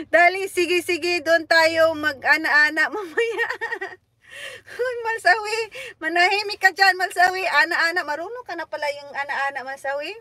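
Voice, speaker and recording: A woman's voice: very high-pitched, pushed and bright, no echo. A woman hosting a livestream, chatting casually, teasing viewers and giggling as she reads their comments aloud. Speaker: livestream host.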